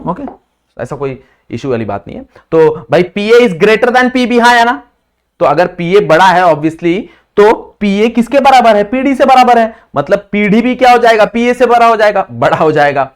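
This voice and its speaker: A man teaching physics in a lecture style with a slight lisp, who keeps quizzing students with quick questions and calls them brother. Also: high voice, animated, clear, resonant tone. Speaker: physics tutor. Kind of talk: classroom lecture mixing Hindi and English.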